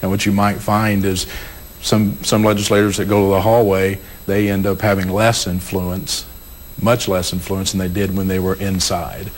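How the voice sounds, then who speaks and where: A man's voice: low voice, little pitch movement, normal speed, a little hiss or hum, poor audio. A man, a state legislator and former prosecutor, explaining his views on a panel, often repeating words as he thinks. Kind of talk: panel discussion.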